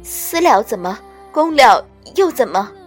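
A woman voicing a frantic young ghost queen, shrill, pleading and screaming in hysterics. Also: big pitch swings, measured pace, faint music behind. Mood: trembling.

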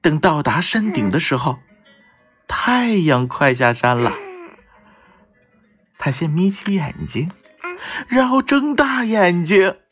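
A storyteller slowly reading a children's storybook aloud, with a gentle, breathy voice. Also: faint music behind. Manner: slow, gentle, lively pitch with voiced characters.

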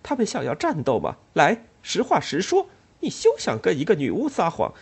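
A man voicing a fiery, defiant woman who shouts scornfully in an audiobook. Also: lowish voice, huge pitch swings, fast, creaky, husky, pitched above the performer's own voice, heavily acted. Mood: defiant shouting.

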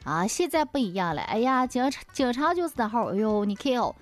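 A woman's voice: a little high, sing-song, quick pace, soft background music. A woman telling a comic story in a chatty way, full of exclamations and dialect words.

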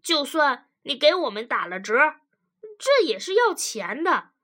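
A woman voicing a stubborn, defensive working-class husband in a storybook reading, talking loud and blunt with folksy turns of phrase. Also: high voice, sing-song, measured pace, pitched above the performer's own voice, exaggerated voice. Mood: blustering.

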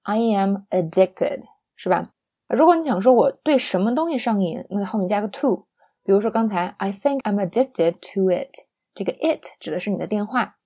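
A woman teaching English in Mandarin, explaining patiently and repeating example sentences slowly, often asking listeners to agree. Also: mid-range voice, warm tone.

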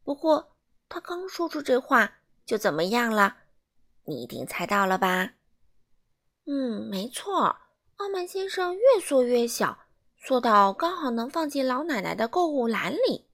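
A woman reading a children's storybook aloud in an animated way, asking the listeners questions. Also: on the high side, measured pace.

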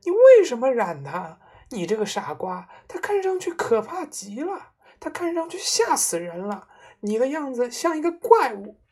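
A woman voicing a shrill, hysterical middle-aged housewife who shrieks and scolds. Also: sing-song, moderate pace, darkish tone, husky. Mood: scolding.

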